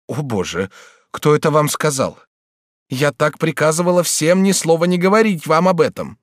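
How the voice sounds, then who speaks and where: For an audiobook, a man voices an anxious, fretful, motherly older woman, raising his pitch above his own while staying close to an everyday voice. His delivery is fairly high with lively intonation at a normal speed. The studio-quality recording has no room sound.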